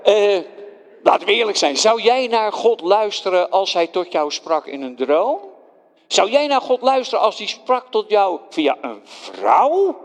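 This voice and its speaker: A self-justifying Roman governor Pilate, played by a male preacher in a first-person sermon. His voice sits high and swings widely as he stammers and pleads with the listeners. A slight gravel runs through it, and a long hall reverb trails each phrase. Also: very animated, a little slow, full character voice. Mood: indignant.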